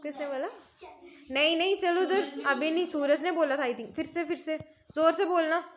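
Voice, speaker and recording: A woman's voice: sits high, normal speed, background noise. A young woman, a tuition teacher giving playful, bossy instructions to her students in a casual vlog. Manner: bossy, playful, mixing Hindi and English.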